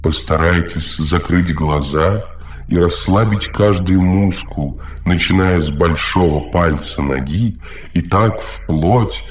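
A man's voice: low voice, slow, a little hiss or hum. A man reading an audiobook, voicing a fussy, over-solicitous male machine caretaker who lectures and talks too much.

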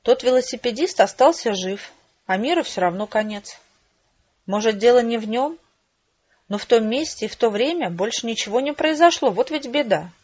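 A woman voicing a wry, unflappable middle-aged father in an audiobook, calm and ironic. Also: fairly high pitch, normal speed, breathy edge, dull audio. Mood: puzzled.

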